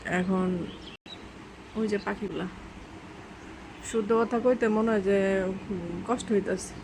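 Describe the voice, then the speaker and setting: A woman vlogger with a rural Bangladeshi dialect chats with her viewers outdoors near birds, homely and rambling. Her voice is medium-pitched with fairly even intonation, she speaks slowly, and the background is noisy.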